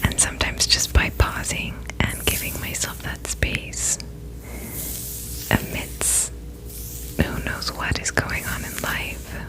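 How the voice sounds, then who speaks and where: A woman whispering a gentle, reassuring pep talk in a reflective ASMR style, her voice breathy and unvoiced. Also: slow pace, low-quality recording. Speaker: ASMR host.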